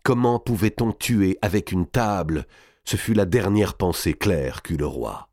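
Low-voiced man narrating, lively delivery. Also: no room sound, studio quality. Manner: dramatic, measured narration. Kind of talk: audiobook reading of a historical novel.

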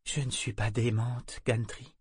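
A man voicing a young woman sailor disguised as a boy in a storybook reading; he keeps her quiet, steady and earnest. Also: mid-range voice, slow, husky, dry recording, studio quality. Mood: calm. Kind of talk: audiobook character reading.

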